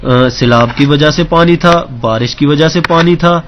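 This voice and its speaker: Guy teaching logic for an exam, slightly high voice, walks thru examples and keeps asking got it?. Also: lo-fi sound, background noise. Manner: explains step by step, mixes English terms into Urdu; keeps checking understanding with questions. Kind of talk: exam-prep lecture.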